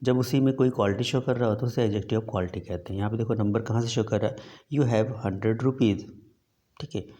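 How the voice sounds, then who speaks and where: A man with an Indian accent teaching a grammar lesson with a sore throat. He reads English example sentences slowly, then explains them in Hindi with frequent fillers. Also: lowish voice, steady tone, warm tone.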